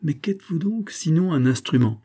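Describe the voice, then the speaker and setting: A man voicing a smooth, scheming middle-aged army major with a coaxing, honeyed manner. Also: mid-range voice, normal speed, warm tone, natural voice. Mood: contemptuous. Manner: coaxing, honeyed, then contemptuous.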